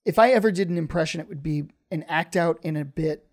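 A man's voice: fairly high pitch, fast. A man, a stand-up comedian, chatting casually on a podcast, rambling with many fillers and restarts.

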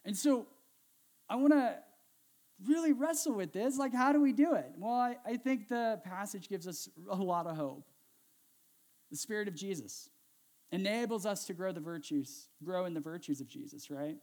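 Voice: mid-range voice, animated, normal speed, darkish tone. A pastor giving a casual, conversational sermon, asking the congregation questions and adding sarcastic, self-mocking asides.

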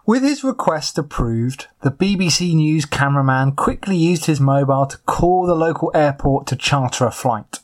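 A pastor giving a sermon in a measured storytelling manner, now and then putting on voices for the people in the story. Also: mid-range voice, animated. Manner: measured storytelling with acted quotes. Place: island church congregation.

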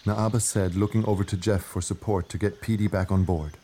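A man's voice: low-pitched, steady tone, fairly quick, warm tone, slight background noise. A man narrating a scripted children's adventure story.

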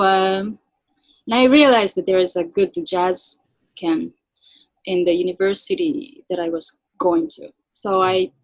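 Woman, Japanese accent, native Japanese speaker, guest musician, soft-spoken, halting, dry close sound. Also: mid-range voice, no echo, low-quality recording. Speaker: guest violinist. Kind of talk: casual interview chat.

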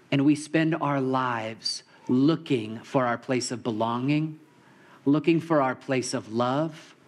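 A man preaching a heartfelt sermon in a church, speaking in a fairly high voice. He is openly emotional and tells a story gently. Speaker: pastor.

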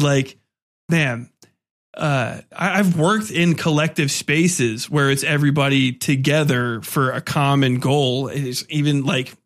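Blunt, sweary man, slightly high voice. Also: a bit bright. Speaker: interview participant, writer and military veteran. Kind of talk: casual, profane conversation.

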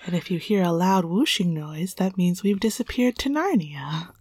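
A woman's voice: fairly low pitch, expressive, moderate pace, darkish tone, breathy edge, dry recording. Joking woman podcasting from a closet. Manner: laughing, joking, drops into whispers. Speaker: podcast co-host. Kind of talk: casual banter. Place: small clothes closet. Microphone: close podcast microphone.

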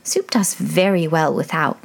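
A woman's voice: sits low, unhurried, gravelly. Woman playing a polite curious young girl. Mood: earnest. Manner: polite and earnest.

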